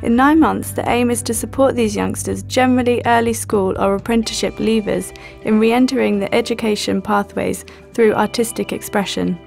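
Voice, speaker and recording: Woman narrating with a gravelly edge. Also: on the high side, moderate pace, few pauses. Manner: even, informative reading. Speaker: documentary narrator. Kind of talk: scripted narration. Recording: faint music underneath.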